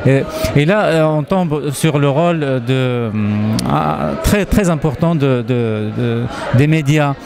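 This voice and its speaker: A man interviewing a guest, speaking haltingly as he searches for words. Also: mid-range voice, creaky, noisy background. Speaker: interviewer, magazine host. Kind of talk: casual interview conversation. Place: outdoors in a city.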